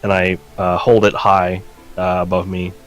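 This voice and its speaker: A man's voice: low voice, little pitch movement, moderate pace, faint music behind. A man playing a tabletop role-playing game, describing his moves casually and stammering as he repeats words.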